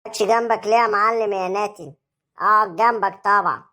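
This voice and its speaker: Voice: medium pitch, fairly even intonation, fast talker, pushed and bright, natural voice. A performer voicing a timid, obedient talking carrot who serves a gang boss, speaking with an Egyptian accent. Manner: nervous and obedient. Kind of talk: comic cartoon acting.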